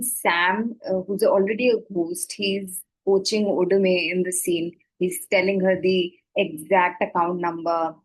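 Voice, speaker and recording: A woman's voice: mid-range voice, low-quality recording. A woman with an Indian accent gives a conversational explanatory talk as an educator, acting out short example remarks and checking in with "right?". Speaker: scam awareness educator.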